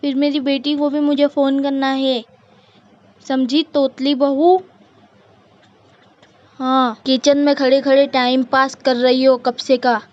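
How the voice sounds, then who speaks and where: A woman playing a bossy cartoon mother-in-law who nags and orders in a high, sharp voice. She talks slowly, drawing out every command. The recording sounds dull and lo-fi. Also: level tone. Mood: scolding. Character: bossy scolding middle-aged mother-in-law. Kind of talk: cartoon voice acting.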